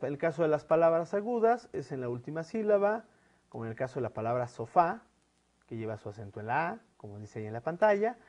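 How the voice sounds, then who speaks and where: Un hombre con acento mexicano que da una clase grabada de gramática, explicando paso a paso con muletillas como "eh" y "este" y preguntas como "¿no?". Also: male voice, medium pitch, muffled recording. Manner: explanatory, with frequent fillers "eh" and "este" and tag "¿no?". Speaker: teacher. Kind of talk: recorded online lesson.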